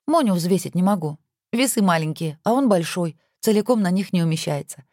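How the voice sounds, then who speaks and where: A woman's voice: fairly low pitch, no room sound, clean studio sound. Woman doing a flustered, touchy wife. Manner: quick, indignant, excitable.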